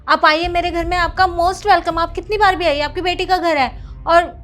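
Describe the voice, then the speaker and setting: A woman's voice: very high-pitched, steady tone, normal speed, fairly bright tone, soft background music. A woman playing a composed young married daughter who answers her mother politely but firmly. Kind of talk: family drama acting.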